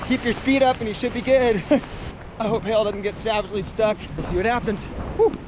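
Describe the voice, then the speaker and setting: A man's voice: sits high, fast. Hyped young man vlogging outdoors. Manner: excited, hyped, shouting whoops. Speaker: kayaker vlogging a river trip. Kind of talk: casual outdoor vlog narration. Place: outdoors by a river and snowy road. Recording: loud outdoor noise of water and wind.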